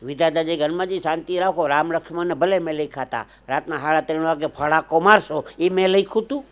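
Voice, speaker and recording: A man from the region telling folk jokes to an audience, acting out characters in raised voices and slowing down for punchlines. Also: fairly high pitch. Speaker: folk comedian storyteller. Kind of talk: live comic storytelling to an audience.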